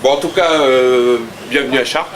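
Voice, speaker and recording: A man interviewing activists in the street for a local web channel, prompting with quick affirmations. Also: medium pitch, reverberant, poor audio. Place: outdoor street rally. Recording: outdoor crowd noise. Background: crowd.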